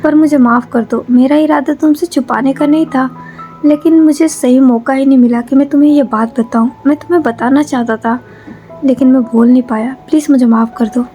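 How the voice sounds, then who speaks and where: A woman's voice: high-pitched, steady tone, brisk, mellow, soft background music, close to an everyday voice. A woman voicing a young man who pleads with and scolds those close to him, in a storybook reading. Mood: pleading. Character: young man, apologetic, torn best friend.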